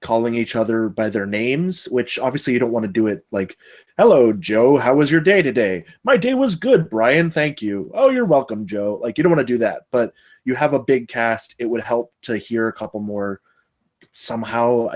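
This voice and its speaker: Taking part in a table read, a man shares informal thoughts on the script in a rambling, talkative way, often interrupting himself. He speaks at a normal speed with a medium pitch and lively intonation.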